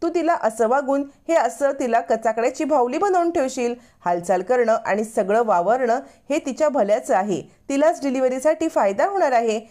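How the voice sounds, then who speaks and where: A woman's voice: sits high, animated, moderate pace, few pauses, mellow, pitched above the performer's own voice. A woman voicing an elderly, stern and wise family matriarch who lectures firmly. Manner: firm, lecturing.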